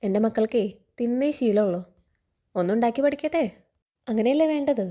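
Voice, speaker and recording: A betrayed, hard-questioning middle-aged man, read out by a woman in her own fairly high, mellow voice. He speaks in reproachful, probing questions. The telling stays close to plain storytelling speech. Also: a little fast, close to an everyday voice. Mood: stern, probing.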